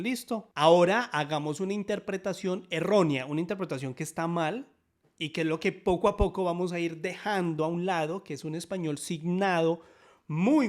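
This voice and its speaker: Fairly high in pitch, this man's voice leads a sign language lesson given in Spanish, where he explains things in an upbeat way and regularly asks short questions to check in.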